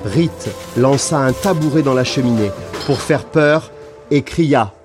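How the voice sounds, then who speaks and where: Male storybook narrator, mid-pitched, lively read-aloud delivery, studio recording with music underneath. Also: a little slow. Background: background music.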